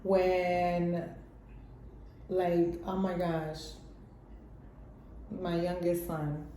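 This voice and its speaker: A woman's voice: lowish voice, completely flat delivery, very slow, dark tone, a little hiss or hum. A woman speaking in a candid, slangy way, laughing often, giving casual motivational life advice as a mother. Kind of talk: casual motivational vlog talk. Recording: roomy echo.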